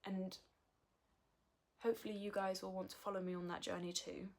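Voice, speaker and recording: This early-20s vlogger speaks openly and sincerely to her camera in a personal vlog. Her medium-pitched voice has a flat, brisk delivery and a somewhat dark tone.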